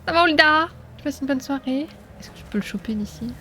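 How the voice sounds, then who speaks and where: High-voiced playful woman streamer. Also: animated, a little fast, sharp tone, slight background noise. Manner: playful, chatty, laughs often. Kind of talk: casual live gameplay commentary.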